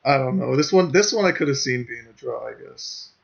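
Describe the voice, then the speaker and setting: A man's voice: medium pitch, animated, a little fast, creaky. Hesitant man on a dull lo-fi mic. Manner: hesitant, hedging. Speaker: podcast co-host. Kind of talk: casual podcast chat.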